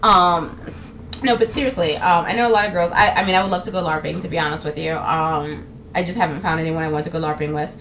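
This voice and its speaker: A woman talking casually to camera in a vlog, animated and chatty, with lots of fillers. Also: fairly low pitch, fast, a little hiss or hum. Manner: animated, acts out quoted voices; chatty, with many fillers like "um" and "you know". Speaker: actress and model vlogger.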